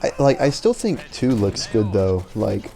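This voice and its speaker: Brief: low, gravelly young male gamer, laid-back, with game music playing behind. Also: big pitch swings, measured pace. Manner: laid-back, swears casually. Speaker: gameplay commentator. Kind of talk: casual gaming commentary.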